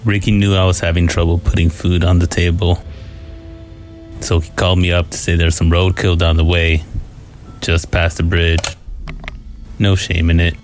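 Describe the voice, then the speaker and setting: A man reading a scripted first-person scary story in a low, haunting, somber manner. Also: little pitch movement, moderate pace, long pauses. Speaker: horror story narrator. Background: music.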